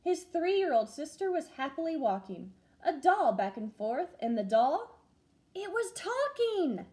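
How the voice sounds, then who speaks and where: A young first grade teacher reads a rhyming picture book aloud in a bright, high voice, taking her time. Her expressive, sing-song storytelling rises and falls animatedly with the verses.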